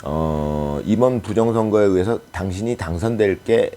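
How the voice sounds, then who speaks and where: A man giving a casual political commentary monologue, speculating aloud and pausing often with hesitant fillers. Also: low voice, warm tone.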